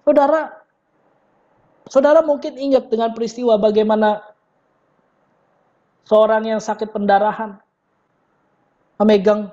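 A woman pastor preaching a conversational, animated sermon in a church and acting out the quotes she tells. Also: fairly high pitch, measured pace, long pauses, lo-fi sound.

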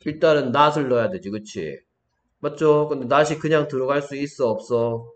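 In a one-on-one English lesson conducted in Korean, a man tutors a pupil, coaxing him along and asking many questions to check that he follows. His voice is medium-pitched at a normal speed, with a roomy sound.

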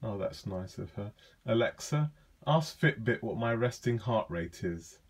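This is a man with a fairly low voice, filming a casual tech demo. He talks in a loose, conversational way, pausing with frequent uhs and ums as he thinks. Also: husky. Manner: relaxed, chatty, many ums and uhs. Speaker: tech vlogger demonstrating a device.

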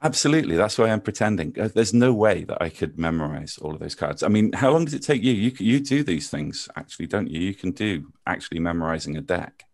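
A man with a soft Bristol accent talks in a deep register, close and dry with almost no room sound. He explains card tricks over a video call in a loose, joking way, poking fun at his own lack of skill. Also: lively intonation, quick pace, few pauses, no echo. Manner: self-deprecating, jokey, chatty with frequent ums. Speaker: maths teacher performing card tricks. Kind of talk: casual chat and card trick demonstration.

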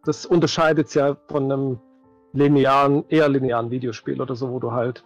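A game master in his forties answers interview questions casually over a video call from home, thinking aloud and repeating words while he searches for them. His voice is medium-pitched, level in tone and fairly quick, with background music behind him; the recording is dry and the highs are cut off.

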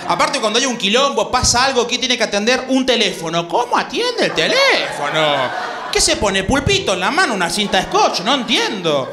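A man's voice: extremely high pitch, moderate pace, noisy background. A young man from Argentina with a Rioplatense accent doing a slangy stand-up set on a comedy club stage, acting out voices as he goes. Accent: Rioplatense Spanish. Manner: animated, slangy, acts out voices. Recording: live club with audience laughter.

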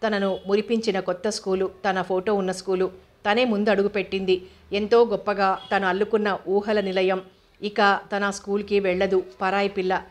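A woman narrates a novel in a level, unhurried reading voice. Her pitch barely moves, keeping each line calm and even from start to finish.

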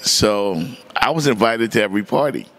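A middle-aged man, a sports reporter, talking in a casual interview with an easygoing, chuckling manner and drawn-out fillers, into a handheld mic. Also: on the low side, animated, fairly bright tone. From Miami, family from the Bahamas. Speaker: sports reporter and podcast host. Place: bright indoor room by large windows.

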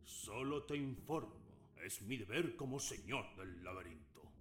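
A man's voice: on the low side, lively intonation, a little slow. A man voicing an eccentric older man who calls himself lord of the labyrinth, speaking in solemn, theatrical pronouncements in a video game.

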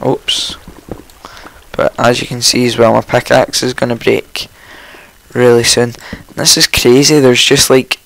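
Croaky just-woken man narrating gameplay. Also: mid-range voice, flat delivery, unhurried, a bit bright, no room sound, poor audio. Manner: rambling, chatty, with frequent ums and self-corrections. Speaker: let's play host. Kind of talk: casual gameplay commentary.

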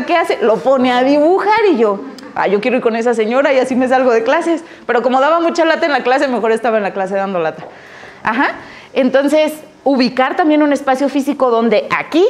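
A young adult woman psychologist with a Mexican Spanish accent, giving a lively addiction-prevention workshop to teachers and acting out quoted voices. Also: high-pitched. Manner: animated, acts out quoted voices, frequent "ajá" and "ujú".

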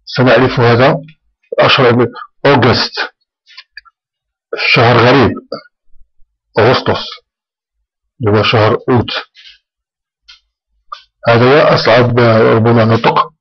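A man with an Algerian Arabic accent teaching a school English lesson, slowly repeating and stretching out words for pupils. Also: medium pitch, flat delivery, slightly rough, dull audio. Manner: slow, drawn-out repetition of words for pupils. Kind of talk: lesson for first-year middle school.

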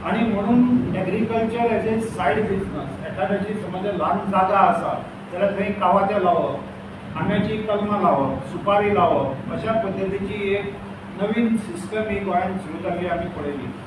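An older man with a Goan accent gives a formal press conference talk in a high voice, working through names and figures. The room is very echoey and the mic sits far from him, with clear background noise. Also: normal speed. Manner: steady, listing names and figures. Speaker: cooperative society official at a press conference. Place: hall with a banner behind a panel. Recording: echoey hall, distant mic, noisy.

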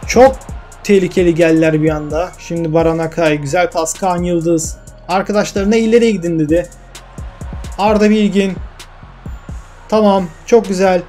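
A young man giving emotional play-by-play of his own football video game, calm one moment and yelling at goals the next. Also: high voice, moderate pace, pauses often, faint music behind. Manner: emotional, swings from calm commentary to yelling at goals and cursing misses. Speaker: gaming YouTuber. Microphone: desk mic.

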